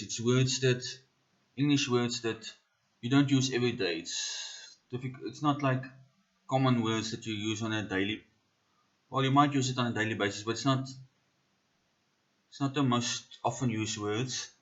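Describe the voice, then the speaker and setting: South African male teacher, mid-pitched, patient drills, slightly dull lo-fi sound. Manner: repeats each word slowly three times, explains with fillers. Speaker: pronunciation teacher. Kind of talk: slow word-by-word pronunciation lesson.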